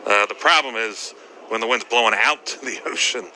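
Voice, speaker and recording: Sharp, bright male golf commentator analysing play. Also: on the low side, moderate pace, a little hiss or hum, poor audio.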